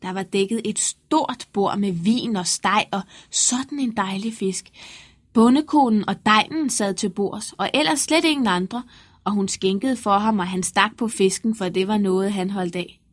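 A woman narrating a fairy tale in a lively storytelling manner. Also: medium pitch.

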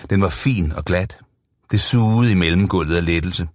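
A man narrating a novel as an audiobook, in steady, even storytelling. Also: sits low, dry recording, clean studio sound.

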